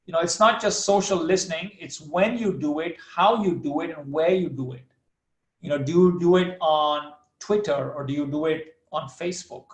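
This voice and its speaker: A man's voice: a little high, echoey room. A male professor giving an online lecture, answering student questions in a thoughtful way with frequent fillers and restarts.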